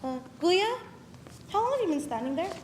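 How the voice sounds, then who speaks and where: High lively voice, sarcastic teen younger sister, as a young woman plays her, wry comebacks, echoey stage hall, background noise. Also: moderate pace. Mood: teasing. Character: sarcastic teenage younger sister, wistful about heritage. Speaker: student actor in a campus stage play.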